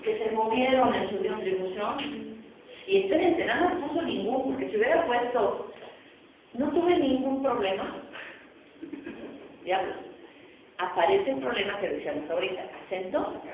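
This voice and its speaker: A woman's voice: a little high, big pitch swings, moderate pace, a little hiss or hum. Woman lecturing in an echoey classroom. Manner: explanatory, often checks in with "¿no?". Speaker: phonetics professor. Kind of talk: university lecture. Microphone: distant recorder. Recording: echoey, distant, muffled classroom recording.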